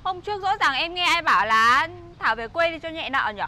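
A woman's voice: high-pitched, lively intonation, a little fast, pushed and bright, heavily acted. An actress playing a blunt, sarcastic young woman, delivering cutting retorts. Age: young adult. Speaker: actress in comedy sketch.

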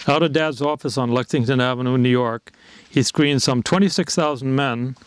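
A man in an interview recounts his father's story in a steady manner. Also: medium pitch, normal speed, smooth, no echo. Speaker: interviewee, son of the founder. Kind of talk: interview recollection.

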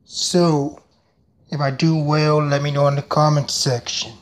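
A man's voice: a little high, little pitch movement, unhurried. A man hosting a video in a casual intro and sign-off style. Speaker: video host.

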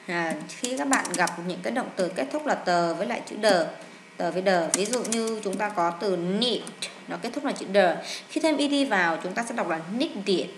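A woman teacher walks students through a test, chatty and full of drawn-out fillers. She often repeats words and speaks to the class directly. Her voice sounds roomy and echoey, with a faint hiss underneath. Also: mid-range voice, lively intonation. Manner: addresses students warmly as "các bạn". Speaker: English teacher. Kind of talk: exam walkthrough lesson.

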